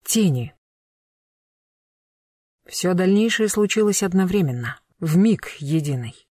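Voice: mid-range voice, expressive, darkish tone, husky, dry recording. Dramatic audiobook narrator, dry sound. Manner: dramatic, measured reading.

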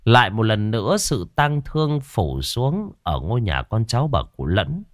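A man narrating a horror story in a dramatic, expressive way. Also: on the low side, normal speed, dry recording, studio quality.

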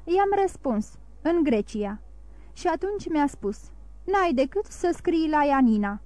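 A woman's voice: high-pitched, very animated, mellow, dry recording, pitched above the performer's own voice. A woman reading the part of a middle-aged banker who protests and defends himself, blustering out of fear. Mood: explaining.

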